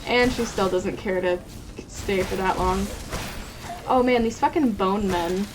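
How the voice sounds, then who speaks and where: A woman's voice: medium pitch, measured pace. Chatty streamer woman, noisy audio. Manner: chatty, swearing, talks to the game character. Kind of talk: casual gameplay commentary.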